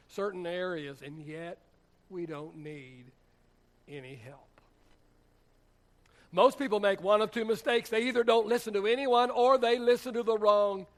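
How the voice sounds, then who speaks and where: High-voiced pastor preaching. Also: male voice. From United States. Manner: conversational, animated storytelling with humor. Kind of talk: sermon. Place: church.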